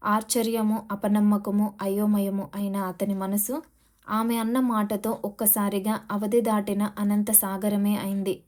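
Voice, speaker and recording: A woman narrating a novel in a steady, dramatic storytelling manner. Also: mid-range voice, measured pace. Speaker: audiobook narrator.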